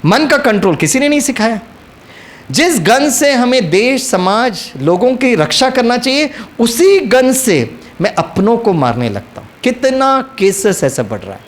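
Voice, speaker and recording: Guy giving a spiritual talk, high voice bouncing all over, tells stories and gets the crowd repeating. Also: big pitch swings, a little slow. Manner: storytelling, coaxing the audience to repeat lines. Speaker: spiritual speaker. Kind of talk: motivational spiritual talk to an audience.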